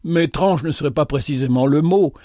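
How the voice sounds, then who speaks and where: A man's voice: fairly high pitch, a little fast, mellow, dry recording, clean studio sound, lightly acted. A man voicing a haughty, impatient rich young woman who talks with scorn.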